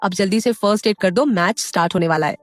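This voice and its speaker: A woman's voice: mid-range voice, fast, dry recording, soft background music, close to an everyday voice. A woman voicing a cocky young male college athlete in an audio story, talking in a teasing, offhand way.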